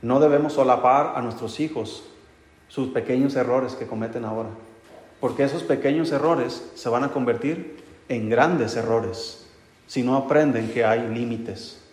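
A man's voice: medium pitch, measured pace, a little mellow. A man preaching a sermon as pastor, asking the congregation rhetorical questions and answering them himself, with touches of humor. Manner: addresses listeners as brothers, light humor. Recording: echoey hall with long reverb.

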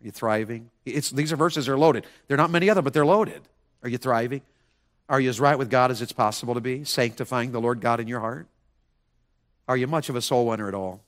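A man preaching a sermon as pastor, impassioned, swinging from quiet to near shouting with many rhetorical questions. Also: mid-range voice, a little fast.

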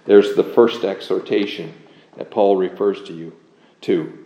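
A man preaching an expository sermon, earnest and measured, reading scripture aloud and leaning hard on key words. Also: low voice, fairly even intonation, dark tone. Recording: dull, echoey room sound.

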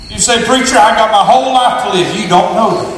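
High-voiced preacher shouting in a hall. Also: male voice, fairly quick, a loud crowd. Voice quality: high and strained, often shouting. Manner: dramatic storytelling with sudden shouts and drops. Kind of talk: sermon. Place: large tabernacle with long reverb. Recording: very echoey hall.

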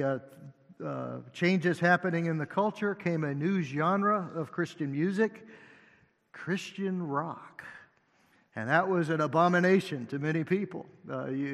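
A male associate pastor preaching a sermon at a pulpit microphone in a church sanctuary, unhurried and halting with many fillers, joking gently now and then. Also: on the high side. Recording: long hall reverb.

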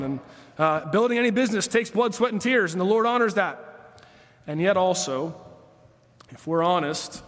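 A man in his late thirties preaching an earnest sermon in a high, bright-pitched voice. He reads scripture aloud and climbs higher on the phrases he wants to land. His words ring out with a long, lingering reverb, as in a large church sanctuary. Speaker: pastor.

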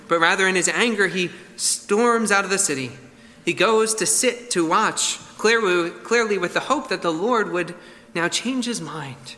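A man's voice: high voice, pushed and bright, big-room sound. A man preaching an expository sermon in an earnest, emphatic way.

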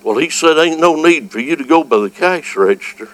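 With a fairly high pitch and lively intonation, a Southern man preaches a little fast in a fervent revival sermon. His evangelical delivery is folksy and exclamatory, moving between quiet tales and shouts. The recording is rough.

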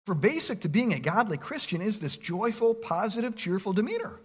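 A man's voice: sits high, big pitch swings, fairly quick, husky. A man preaching a sermon, reading scripture aloud and asking the listeners rhetorical questions. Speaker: pastor.

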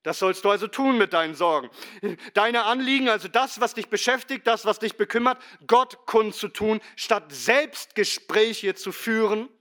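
Middle-aged male pastor, sermon delivery, bright ringing tone, emphatic with hushed low drops. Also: moderate pace. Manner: emphatic preaching, swinging between loud stresses and quiet low asides.

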